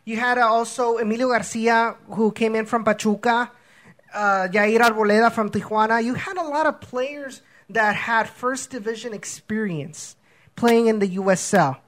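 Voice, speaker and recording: A man's voice: extremely high pitch, moderate pace, fairly bright tone. A man co-hosting a soccer podcast in casual chat, rambling with many restarts and fillers. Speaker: podcast co-host.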